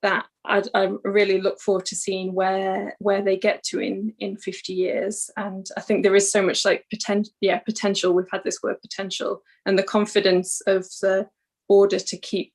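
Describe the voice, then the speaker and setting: Woman panelist, gravelly voice, flat pitch, rambling with fillers. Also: moderate pace. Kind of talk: panel discussion.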